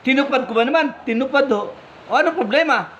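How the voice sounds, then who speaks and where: A man's voice: very high voice, a bit bright. A man playing a stern, fair vineyard owner. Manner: questioning, firm and deliberate. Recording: slightly muffled, faint background hum.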